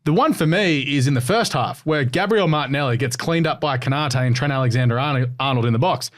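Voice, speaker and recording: A man's voice: medium pitch, brisk. A man co-hosting a casual football podcast, blunt and opinionated with a dry edge. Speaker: podcast co-host. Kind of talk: casual sports podcast chat.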